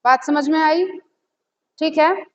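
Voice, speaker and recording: A woman teacher giving a lesson, asking questions and answering them herself, repeating key words slowly. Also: high voice. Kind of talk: classroom lesson. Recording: echoey, slightly dull audio with faint noise.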